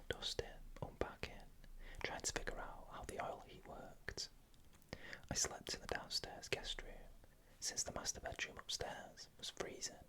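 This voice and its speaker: A narrator telling scary first-person stories in an unvoiced, breathy ASMR whisper, with slow, deliberate phrasing.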